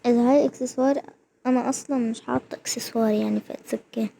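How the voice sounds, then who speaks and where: A young woman chatters through a game, her voice high and bright. She gets carried away, repeating words over and over in excitement. A faint hiss sits under the recording. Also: fast talker, gravelly. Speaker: gaming vlogger. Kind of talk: excited gameplay commentary.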